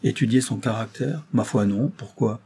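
A man reading the part of a frank, impulsive young woman who speaks in a lively, indignant way. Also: fairly low pitch, normal speed, breathy edge.

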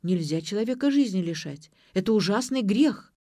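A woman's voice: medium pitch, animated, normal speed, mellow. A woman reading the part of a naive young nurse who speaks timidly and earnestly. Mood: frightened.

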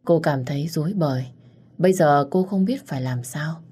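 A woman narrating a romance audiobook in a steady, even reading. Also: sits low, normal speed, slightly rough.

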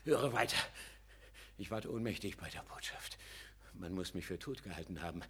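A frail, husky old father begging. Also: low-pitched, lively intonation, normal speed, fairly bright tone, heavily acted. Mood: haunted. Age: older. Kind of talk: classic radio play acting.

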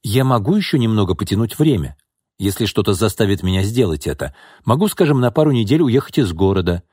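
A man voicing a drunken, pushy middle-aged businessman in an audiobook, needling, bitter and rising into angry shouts. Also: on the low side, animated, quick pace, slightly rough, no echo, studio quality. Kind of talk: audiobook character reading.

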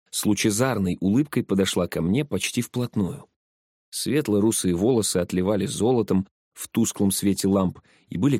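A male narrator reading a first-person story in an even, steady way. His voice is low and a bit husky. The recording is close and dry. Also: no room sound. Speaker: audiobook narrator.

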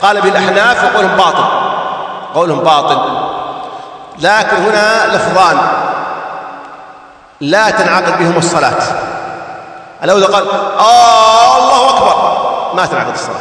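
High-voiced man teaching in echoey hall. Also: brisk, long pauses, pushed and bright, recorded from a distance. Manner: repeats key points, sings out examples. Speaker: religious teacher. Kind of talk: explaining a text in a lesson.

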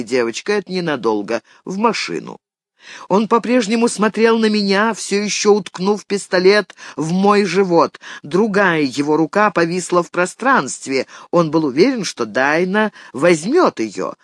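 A man's voice: high voice, no room sound, studio quality. Man narrating a tense audiobook. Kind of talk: first-person audiobook narration.

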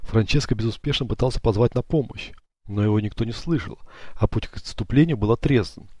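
A man narrating an audiobook in a steady, measured way. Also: on the low side, husky, no room sound. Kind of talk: scripted narration.

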